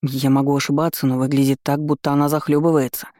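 A man's voice: mid-range voice, little pitch movement, fast talker, a little mellow, no room sound, studio quality, natural voice. A man voicing a courteous, cautious young nature mage in a fantasy audiobook. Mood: polite.

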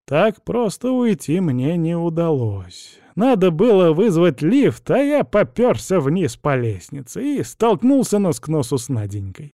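A man's voice: a little high, sing-song, a little slow, few pauses, warm tone, no room sound, clean studio sound. A man narrating a first-person audiobook in a wry, conversational storytelling manner.

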